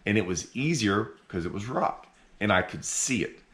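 A middle-aged fishing channel host sits on his living room couch talking casually to a camera placed in front of him at sitting distance. His voice sits on the low side at a normal speed, and he is animated, restarting often as he thinks aloud.

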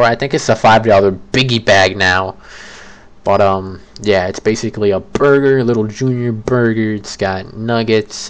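A man's voice: on the low side, a bit bright. A young man rambling casually through a solo ranking video, often correcting himself mid-sentence. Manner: rambling, self-correcting, chatty. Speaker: creator ranking fast food.

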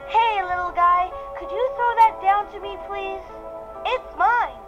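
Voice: extremely high pitch, measured pace. A performer voicing a friendly young talking car, childlike, eager and polite, in a children's cartoon game. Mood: worried, earnest. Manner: wide-eyed, polite, earnest. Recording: dull game audio with music.

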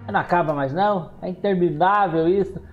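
A man with a Brazilian accent giving excitable commentary on a horror game, exclaiming and talking back to the characters on screen. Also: high-pitched, fairly quick, highs cut off, faint music behind. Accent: Brazilian Portuguese. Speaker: gameplay streamer.

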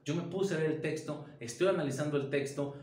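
Man, theater director, acting lesson, emphatic, rhetorical questions, high voice, roomy echo. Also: a little fast, a little mellow.

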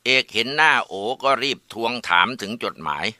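Man, storyteller, folk tale, steady, bright tense voice, dry close sound. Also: mid-range voice, normal speed, no echo.

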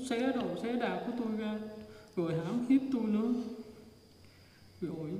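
A woman's voice: mid-range voice, dark tone, slight background noise, close to an everyday voice. A woman playing the vengeful ghost of a woman in her thirties, speaking in a mournful, lamenting way. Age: 30s. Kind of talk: ghost drama acting. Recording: echoey hall from far off.

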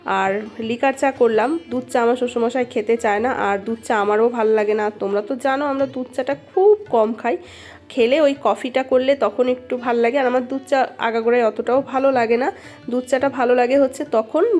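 A woman's voice: fairly high pitch, darkish tone. A young woman, a chatty family vlogger talking to viewers as friends at home. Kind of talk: casual chat to viewers. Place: home, kitchen and bedroom. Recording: echoey room with background music.

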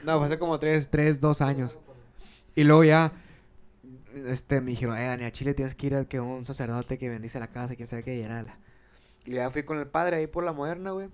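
A young Monterrey man in his twenties tells a long story in a quick, slangy, rambling way. His voice sits at a middle pitch, and he speaks with a northern Mexican accent. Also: clear, resonant tone. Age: 20s. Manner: slangy, rambling, animated retelling. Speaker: podcast host. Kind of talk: casual storytelling chat.

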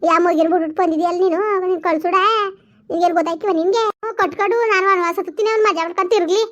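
Woman as a village woman in a feud: very high voice, rapid scolding, argumentative. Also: steady tone, lo-fi sound. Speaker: village family drama actor. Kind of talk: village family drama dialogue.

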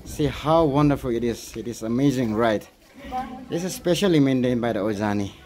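A man's voice: mid-range voice, fairly quick, a little mellow, poor audio. A man giving a casual walking tour to viewers, chatty and pointing things out as he goes, recorded on a handheld phone. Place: outdoors on a hillside village and indoors.

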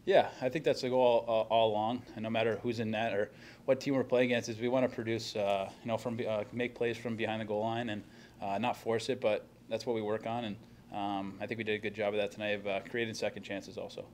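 A young hockey player fields reporters' questions at a postgame press conference, speaking into a table microphone in front of him. His lowish voice is flat, fast and slightly mellow, full of fillers and restarts, with a little hiss or hum.

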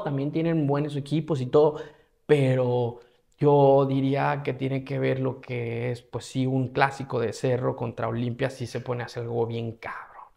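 A Mexican man with a Mexican Spanish accent tells a casual story as a travel vlogger, full of slang and animation as he acts out his own reactions. His voice is gravelly and sits at a medium pitch.

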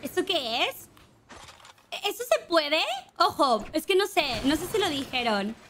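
High-voiced Mexican woman streamer. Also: very animated, measured pace, fairly bright tone, slight background noise. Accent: Mexican Spanish. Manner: chatty, swears, sings along to songs. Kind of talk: casual gameplay chat with singing along.

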